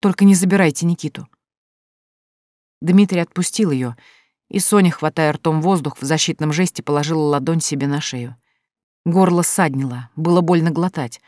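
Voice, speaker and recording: An audiobook narrator reading a novel chapter in a steady, even manner. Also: medium pitch, normal speed, no room sound, clean studio sound. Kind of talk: scripted narration.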